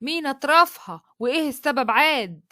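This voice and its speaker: A stern young landowner speaks, curt and quietly menacing, as a woman storyteller reads his part. The voice stays high and quick. The recording is close and dry. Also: animated, dry recording. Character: stern brooding young Upper Egyptian landowner man.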